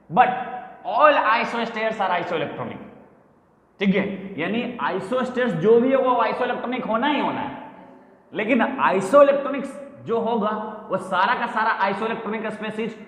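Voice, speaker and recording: High-voiced male teacher, echoey classroom. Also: a bit bright. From India. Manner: explains step by step, keeps checking with the class; drawls key terms slowly while writing them out. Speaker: chemistry teacher. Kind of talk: classroom lecture. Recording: echoey classroom with long reverb.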